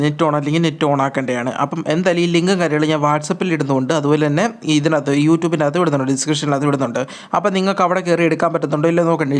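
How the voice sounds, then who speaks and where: A man hosting a gaming channel, giving chatty, repetitive step-by-step instructions as a voice-over on a mobile game tutorial. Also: a little high.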